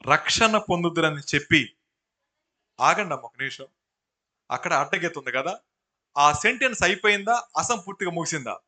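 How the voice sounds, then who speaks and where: A male pastor preaching a sermon, rising to loud bursts and putting questions to the congregation. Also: on the high side, expressive, fairly quick, long pauses.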